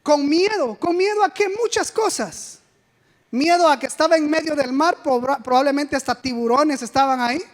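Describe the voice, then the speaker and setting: A woman with a high voice preaches an animated sermon. She puts rhetorical questions to the congregation and acts out the quoted speech. Her voice rings with the long reverb of a church sanctuary. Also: moderate pace.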